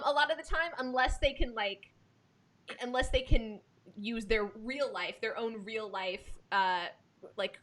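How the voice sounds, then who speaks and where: She's a theatre director chatting informally in a discussion, and she repeats words for stress while staying emphatic and expressive. The recording carries clear background noise and a low rumble.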